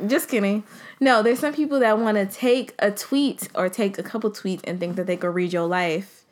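A young woman chatting casually, easygoing and quick to laugh. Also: medium pitch. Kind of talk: casual chat.

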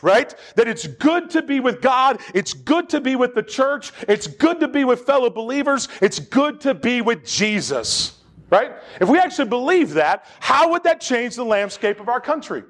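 Male pastor, high expressive voice, animated sermon delivery in a church. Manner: animated preaching, call-and-response with the congregation. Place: church sanctuary.

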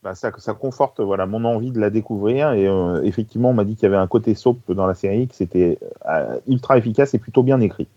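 Podcast co-host, casual chat, agreeable, stumbling restarts, mellow dark tone, dry dull sound. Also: medium pitch, fast talker, hardly any pauses, no room sound. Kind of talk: casual chat reviewing TV series.

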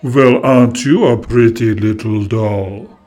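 For a children's audio story, a man voices a creepy, glamorous woman who collects dolls, speaking slowly in a dark, medium-pitched tone. The delivery is theatrical and sweetly menacing, with frequent "darling"s, and some chatter can be heard behind him.

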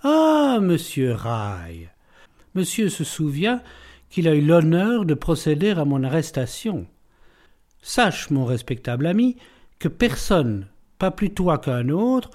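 A man voicing a suave, ironic gentleman thief who talks in a playful, teasing, self-assured way in an audiobook. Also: on the high side.

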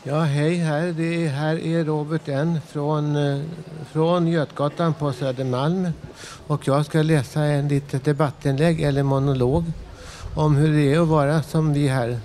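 Solemn, mellow-voiced man declaiming. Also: fairly high pitch, steady tone, slight background noise. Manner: solemn, declaiming rhetorical questions. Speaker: monologue reader on community radio. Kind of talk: reading a poetic monologue.

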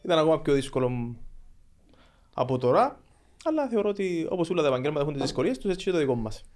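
A man's voice: on the high side, sing-song, darkish tone. A man in his thirties with a Greek Cypriot accent, answering questions as a guest in a conversational interview. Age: 30s. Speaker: podcast guest, football agent.

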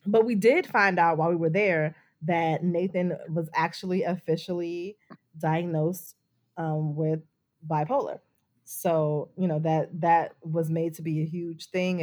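A woman co-hosting a casual chat, calmly steering the talk about a TV episode. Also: fairly low pitch. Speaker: podcast co-host.

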